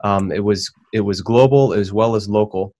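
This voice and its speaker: A man speaking as a panel guest, telling a biography in a thoughtful, conversational way with frequent pauses and restarts. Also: on the low side, dark tone. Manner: thoughtful, many fillers and restarts.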